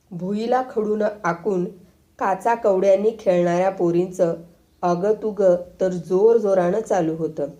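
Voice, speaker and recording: A woman narrating a comic story aloud in a lively read-aloud storytelling manner. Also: medium pitch.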